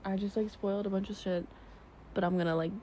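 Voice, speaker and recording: A young woman vlogging casually about her reading, chatty and excitable, saying "like" a lot. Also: mid-range voice, fast, slight background noise. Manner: chatty and excitable, heavy use of "like". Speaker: book vlogger. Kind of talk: casual vlog chat. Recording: background music under the voice.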